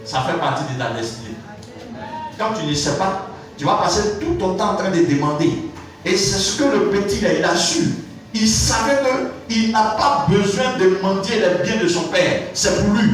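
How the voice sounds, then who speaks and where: A man's voice: animated, normal speed. A man preaching a sermon, telling stories and rising into exclamations. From Côte d'Ivoire. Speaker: pastor. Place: large church hall. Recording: booming echo from a distant mic, faint music.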